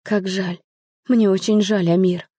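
A woman voicing a caring middle-aged stepmother who speaks in a gentle, sympathetic way. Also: medium pitch, fairly even intonation, a little slow, dry recording, clean studio sound, natural voice.

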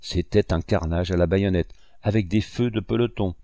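A man narrating a first-person memoir in a steady, measured way. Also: low voice, dry recording, clean studio sound. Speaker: audiobook reader.

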